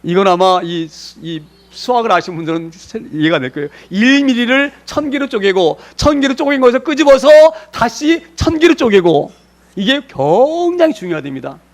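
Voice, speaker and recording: A male pastor preaching a sermon, slowing down on key words and asking the congregation rhetorical questions. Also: sits high, lively intonation.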